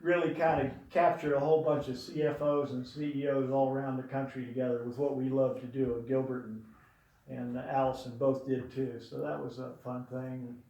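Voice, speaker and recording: At a memorial in a large room, an older man eulogizes his late brother with fond, wandering stories and many fillers. His medium-pitched voice is mellow and level, and he talks a little fast. The room is very echoey, and he sounds far from the microphone.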